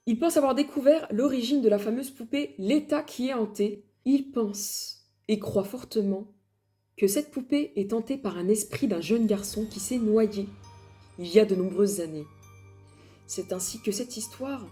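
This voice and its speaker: A woman's voice: medium pitch, mellow. A woman casually telling paranormal stories, chatty and laughing at herself, with dramatic emphasis. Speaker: paranormal storyteller. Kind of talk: casual storytelling.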